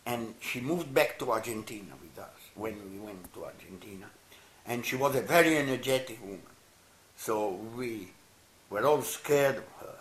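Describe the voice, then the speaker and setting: An older man, a native Italian speaker and anthropologist, gives reflective answers in an interview, his medium-pitched voice halting and warm. He stammers, restarts, and laughs softly, and the roomy space adds echo and faint noise to the recording.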